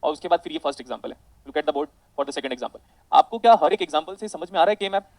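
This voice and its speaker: A man teaching an online physics lecture, rapid and animated, calling his students beta. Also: fairly high pitch, no room sound, rough recording.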